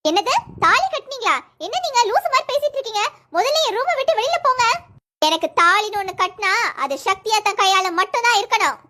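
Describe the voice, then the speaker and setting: A performer voicing a stubborn, sharp-tongued young wife who scolds fast and later softens. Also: extremely high pitch, expressive, slight background noise, heavily acted. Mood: angry.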